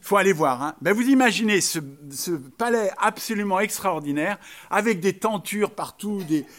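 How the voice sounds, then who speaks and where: Male preacher with a high voice, chatty, and jokey asides to the congregation. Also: lively intonation, moderate pace, fairly bright tone. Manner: conversational and joking, with asides to the congregation; emphatic, repeating key phrases. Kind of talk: sermon.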